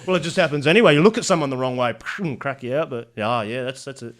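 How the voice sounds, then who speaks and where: Man, Australian accent, middle-aged, podcast guest, rambling yarns, frequent laughs, mid pitch. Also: quick pace. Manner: rambling yarn-spinner, laughs often, trails into restarts. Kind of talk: casual storytelling chat.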